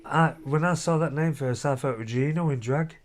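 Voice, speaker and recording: A middle-aged father chats casually in a family vlog from a hotel room, his voice fairly high and fairly quick. He rambles in a down-to-earth way.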